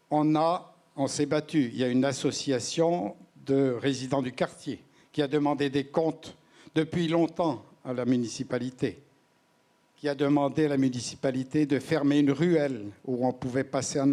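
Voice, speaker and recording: Deliberate man. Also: medium pitch, warm tone. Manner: deliberate, phrase by phrase with pauses. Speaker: panelist, neighbourhood resident. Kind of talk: prepared panel testimony.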